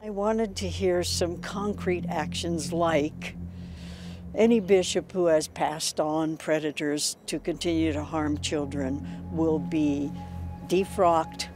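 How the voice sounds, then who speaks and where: An older woman answering an interview question in a slow, halting manner with frequent restarts. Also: low-pitched, steady tone. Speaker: interviewee, abuse survivor. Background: music bed.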